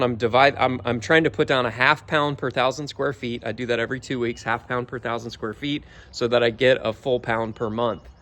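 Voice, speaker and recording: A middle-aged man from Georgia in the US, casually walking through his homemade yard sprayer outdoors, rambling with lots of ums. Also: medium pitch. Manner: relaxed, rambling with many ums. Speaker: home DIY vlogger. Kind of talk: casual how-to walkthrough.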